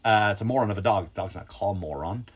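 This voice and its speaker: A man's voice: very fast, breathy edge. A man hosting a comedy podcast, ranting animatedly and swearing, with his voice jumping up when he gets worked up. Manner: animated, swearing, pitch leaps when excited. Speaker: podcast host. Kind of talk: comedic storytelling rant.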